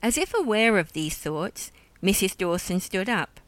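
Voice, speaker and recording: A woman narrating a story, gentle and expressive in her delivery. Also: medium pitch, a little slow, no room sound. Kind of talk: audiobook narration.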